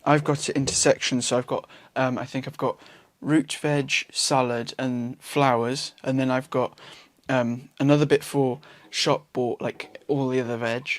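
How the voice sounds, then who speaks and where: A young man from Wales giving a relaxed, chatty gardening how-to outdoors, with frequent ums and self-corrections. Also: medium pitch, a little slow, hardly any pauses, no room sound. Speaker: gardening vlogger. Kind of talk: casual how-to vlog.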